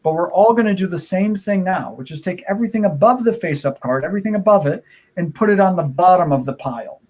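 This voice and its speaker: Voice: mid-range voice, expressive, fast, a little mellow. A performer with playful kids-party magician patter, giving repeated step-by-step instructions to an online audience in an encouraging way. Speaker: magician leading a card trick.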